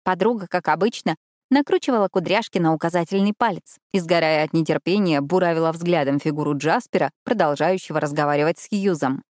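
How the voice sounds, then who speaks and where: Audiobook: young woman narrating a romance, lowish voice, dry close sound. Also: fairly quick, darkish tone, no echo. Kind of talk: first-person audiobook narration.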